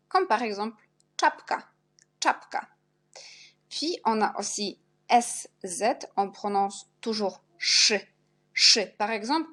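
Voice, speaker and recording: A woman's voice: mid-range voice, fairly bright tone. A woman teaching Polish pronunciation in French, sounding out each letter and example word and repeating it. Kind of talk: spelled-out pronunciation lesson.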